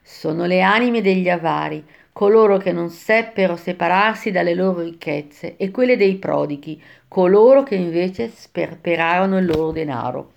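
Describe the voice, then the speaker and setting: A woman doing a calm, stern ghost guide. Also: lowish voice, normal speed, creaky, hardly any pauses, muffled recording. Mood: solemn. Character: wise stern male ghost poet guide.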